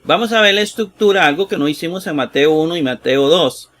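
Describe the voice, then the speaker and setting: A man teaching a Bible lesson, slow and halting with many fillers, sounding out Greek words piece by piece and checking in with his listeners. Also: on the high side, expressive, a bit bright. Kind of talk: screen-shared exegesis lesson.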